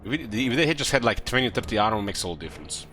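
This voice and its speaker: A man giving casual, halting commentary on a strategy game as he plays, thinking aloud. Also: fairly low pitch, sing-song, bright, forceful tone, faint music behind. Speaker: gamer commentating own play.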